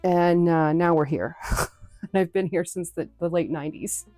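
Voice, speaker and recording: A woman's voice: fairly low pitch, steady tone, normal speed, darkish tone, no echo, faint music behind. A woman from New England chatting casually with viewers on a live stream, rambling with lots of fillers and restarts.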